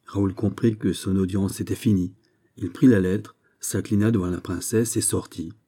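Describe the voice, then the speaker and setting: A man narrating a classic novel as an audiobook, in a measured, literary reading. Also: sits low, steady tone, mellow, slightly rough.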